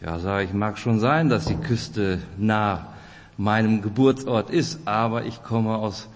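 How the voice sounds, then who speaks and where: A man in his forties from Kazakhstan, with a Russian-German accent and a rolled R, speaks at a fairly low pitch and a little slowly. As a lay preacher at a church weekend, he gives a friendly, chatty informal sermon in a reverberant hall, introducing himself and addressing listeners directly.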